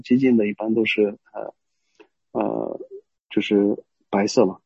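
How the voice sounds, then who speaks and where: A man giving a Buddhist teaching as a story, hesitant, pausing often and explaining as he goes. The recording is dull and lo-fi. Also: medium pitch, mellow, husky, no echo. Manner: hesitant, many pauses and restarts, explaining as he goes.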